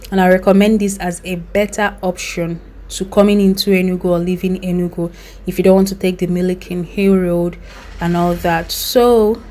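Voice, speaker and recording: Chatty Nigerian woman, low voice. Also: mellow, slight background noise. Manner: chatty, recommending, loose asides. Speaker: vlogger. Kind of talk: travel vlog voice-over.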